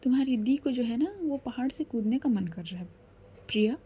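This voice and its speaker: A woman's voice: on the high side, expressive, moderate pace, mellow, husky. Woman doing a stammering, hot-tempered young woman. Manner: stammering repeats when flustered. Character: quick-tempered, easily rattled young woman.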